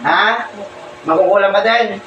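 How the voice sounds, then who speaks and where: In an echoey, distant, lo-fi recording full of loud ambient noise, a man in the role of a folk healer questions someone during a healing ritual. He keeps repeating short, demanding questions in a high-pitched, unhurried voice.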